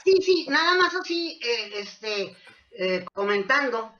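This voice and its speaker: Slow, hesitant woman on a panel. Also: fairly high pitch, big pitch swings, a bit bright, muffled recording. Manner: hesitant, many fillers. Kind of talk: panel discussion.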